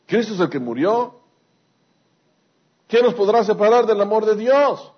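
A man's voice: high voice, lively intonation, unhurried, breathy edge, lo-fi sound. A man preaching a sermon, asking rhetorical questions and repeating phrases for emphasis. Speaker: pastor.

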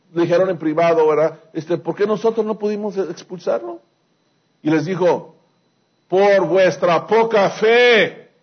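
A high-voiced man. He presses his points with rhetorical questions and repeated lines. The recording sounds dull and lo-fi. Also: slightly rough. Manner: emphatic preaching, rhetorical questions, repeats phrases. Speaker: pastor. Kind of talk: sermon.

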